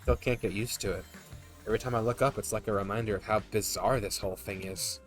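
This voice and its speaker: A man's voice: on the low side, fairly even intonation, quick pace. A man streaming a game, reading its text aloud and commenting casually with joking asides. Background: game music.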